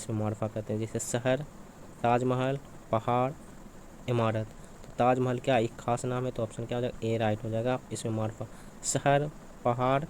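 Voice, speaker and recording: A male teacher working through exam questions, asking each one aloud and answering it himself, over and over. His voice sits at an ordinary middle pitch. A faint hum runs underneath the recording. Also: darkish tone. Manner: repetitive, asks and answers his own questions.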